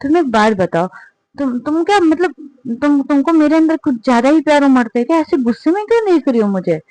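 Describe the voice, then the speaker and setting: A woman's voice: high voice, big pitch swings, fairly quick, darkish tone, no echo, voice pushed up, poor audio. A woman playing a tipsy, stammering girlfriend. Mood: pleading tipsy. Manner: slurred, pleading, stammering. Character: tipsy young woman denying she drank, whiny.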